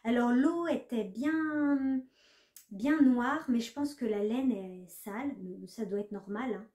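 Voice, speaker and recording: A slightly high-voiced woman talks casually to her viewers, chatty and full of small hesitations. The room around her is echoey. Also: slow pace, mellow. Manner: chatty, hesitant with many fillers. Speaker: knitting vlogger. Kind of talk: casual chat to camera.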